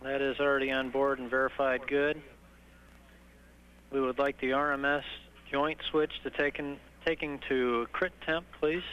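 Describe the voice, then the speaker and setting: A man speaks as a mission control communicator over an archival radio link, muffled and faintly noisy. His mid-pitched voice delivers procedural messages in a measured, halting way. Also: level tone, a bit bright. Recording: dull, noisy archival space-to-ground radio recording.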